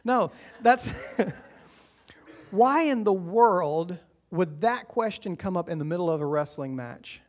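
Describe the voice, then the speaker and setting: A man preaching a sermon as pastor, earnest and encouraging, swinging between loud urging and quiet, hushed lines. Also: high voice, lively intonation, takes it slowly. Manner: earnest, encouraging, rises and drops in volume.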